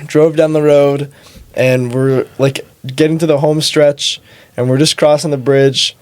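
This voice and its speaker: A young man, the host's son, telling a story about a trip in a plain, steady way. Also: fairly high pitch, a little slow, no echo. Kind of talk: recounting a story.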